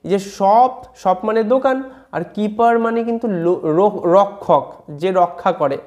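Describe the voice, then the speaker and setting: A teacher with a Bengali accent, giving an English reading lesson and explaining each word slowly. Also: mid-range voice, darkish tone, lo-fi sound. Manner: explains slowly word by word, often asks "ঠিক আছে?".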